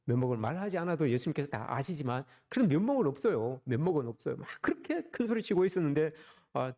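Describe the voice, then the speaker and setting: A man's voice: on the high side, a little mellow. A man preaching a sermon as pastor, joking and asking the congregation rhetorical questions.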